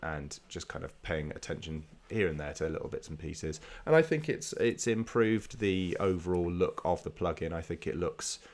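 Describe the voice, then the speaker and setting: A man's voice: sits low, normal speed, few pauses, darkish tone. A man with a nasal, stuffed-up voice from a slight cold, talking casually as a podcast host.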